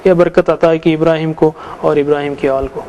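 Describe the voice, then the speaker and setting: A man's voice: on the high side, fairly even intonation, a little fast, mellow. A middle-aged man teaching Arabic grammar, patiently reciting verb forms and explaining each one. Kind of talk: explanatory lecture.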